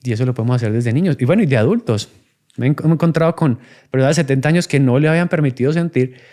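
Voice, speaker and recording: A man's voice: mid-range voice, very fast, warm tone. A man, talking in a reflective, conversational way as a podcast guest, acting out children and parents in his examples. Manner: acts out child and adult voices in examples.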